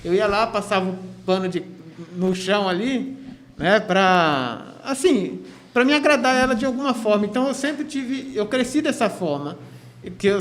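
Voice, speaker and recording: High-voiced man, roomy sound. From Cubatão, São Paulo state, Brazil. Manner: chatty storytelling with many restarts. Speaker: guest, physical education teacher. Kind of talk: casual radio interview. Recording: echoey room with faint noise.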